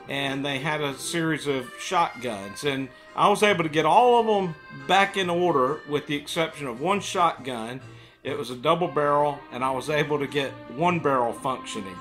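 A middle-aged man spins a casual tale to camera in an indoor room. His voice sits a little high with a bright, forward edge, and he often speaks with a pipe between his lips. Faint music plays behind him. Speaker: storyteller. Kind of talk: casual storytelling monologue to camera.

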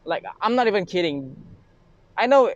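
Young man, Malaysian English accent, casual haul vlog in a parked car, phone held close, clear slightly high voice. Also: expressive, moderate pace, no echo, dull audio. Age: young adult. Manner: rambling, self-mocking, lots of fillers and restarts. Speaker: vlogger. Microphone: phone camera held close.

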